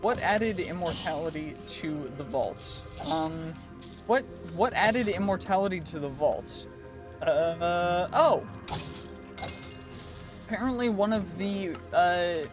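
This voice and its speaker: A man giving casual commentary over his own gameplay, chatty and thinking aloud with quick reactions. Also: high voice. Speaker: gaming channel host. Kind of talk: casual let's-play commentary. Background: clear background music.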